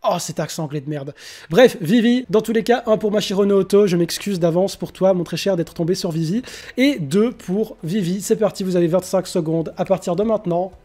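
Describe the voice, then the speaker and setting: A young man hosting a live-streamed anime vote, casual and slangy, with bursts of excitement. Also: high-pitched, fairly quick. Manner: excitable, slangy, mixes English exclamations.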